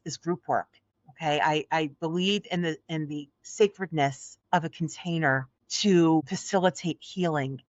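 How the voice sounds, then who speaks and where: A middle-aged woman with a Philadelphia accent and a soothing, low voice speaks earnestly and encouragingly as a guest in a podcast interview. The audio is dull, dry and lo-fi, with no echo.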